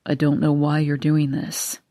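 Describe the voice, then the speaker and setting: A woman voicing a caring, worried adult male boyfriend, a lawyer, speaking low, soft and quiet. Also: fairly even intonation, normal speed, vocal fry, no room sound, clean studio sound. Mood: mumbling.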